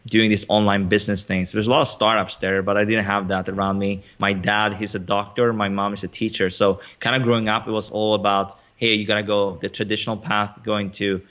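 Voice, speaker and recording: A man's voice: fairly low pitch, level tone, brisk, few pauses, fairly bright tone. A man in his thirties from Sweden, a guest on a video call interview, talking casually with lots of fillers and restarts. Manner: chatty, many fillers and restarts, laughs often.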